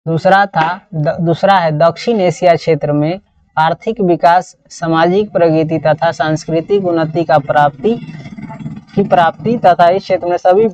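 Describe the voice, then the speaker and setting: A political science teacher with a Bihari accent teaches an exam-prep lesson, reading out model answers didactically and repeating phrases. Her lowish voice is a little mellow and recorded from a distance, with a roomy echo and dull lo-fi sound.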